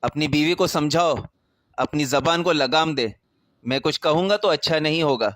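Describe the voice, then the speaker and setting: A man's voice: fairly high pitch, no room sound, studio quality, natural voice. A man voicing a harsh hot-tempered elder brother. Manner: harsh, shouting.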